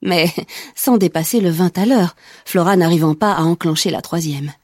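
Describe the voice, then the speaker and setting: Audiobook narrator, woman, steady and measured, low breathy tone. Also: no room sound, studio quality. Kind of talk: scripted narration.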